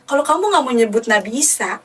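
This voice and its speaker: Woman quoting a gentle, reassuring neighbor lady. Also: fairly high pitch, sing-song, fast, slightly rough, recorded from a distance, exaggerated voice.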